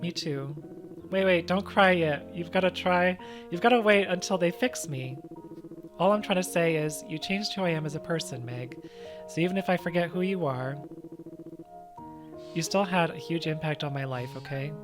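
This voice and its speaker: Player voicing rough-edged monster man, slangy and tender, game music behind. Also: mid-range voice, moderate pace, lightly acted. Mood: gentle, wistful. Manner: casual, slangy, soft-spoken when sentimental. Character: gruff, tender monster man, big-hearted tough guy.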